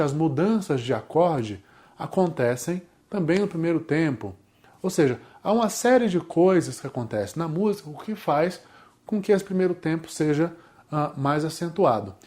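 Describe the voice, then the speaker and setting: A man's voice: a little high, warm tone. A man with a Brazilian Portuguese accent teaching a music theory lesson, explaining step by step and often checking in with his students.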